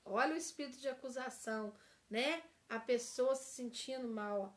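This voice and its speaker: A woman's voice: fairly high pitch, normal speed. A woman teaching a church seminar for couples, acting out example phrases and checking in with the class.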